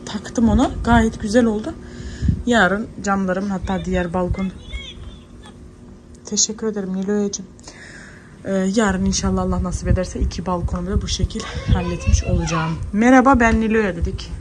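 A woman's voice: medium pitch, expressive, moderate pace, noisy background. A woman in her thirties with a Turkish accent, chatting to viewers in a casual home vlog while she cleans and calls after her kids. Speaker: vlogger, mother.

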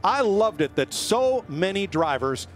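A man, a lively race analyst, giving broadcast commentary. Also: sits high, a little slow, soft background music.

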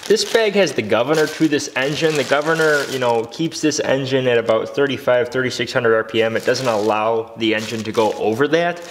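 A young man in his twenties vlogs from his garage workshop, upbeat, jokey, and a little motivational. He talks a bit fast with few pauses in a mid-range voice, speaking into a handheld camera held close and moving, with a noisy background.

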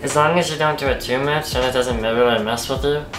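A woman's voice: a bass voice, steady tone, a little fast. A woman vlogging about her pet, chatting in a playful, teasing way. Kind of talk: casual chat to camera. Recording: echoey room, faint music.

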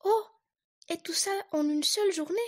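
A woman voicing a gentle mother beaver who speaks in a soothing, reassuring way. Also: extremely high pitch, normal speed, voice pushed up.

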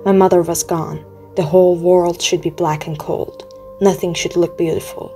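A woman reading an audiobook aloud in a steady, measured storytelling manner. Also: lowish voice. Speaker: audiobook reader. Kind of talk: audiobook narration. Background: faint music.

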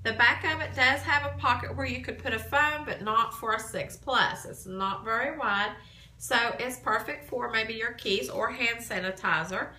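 A woman's voice: fairly high pitch, moderate pace, bright, forceful tone, a little hiss or hum. A woman in her thirties with a cold, chatting casually through a handbag haul at home and recorded on a phone held at arm's length. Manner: chatty, detailed, upbeat. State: has a cold, coughing. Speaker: vlogger. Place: small room at home, indoors. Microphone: phone camera at arm's length. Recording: echoey home room.

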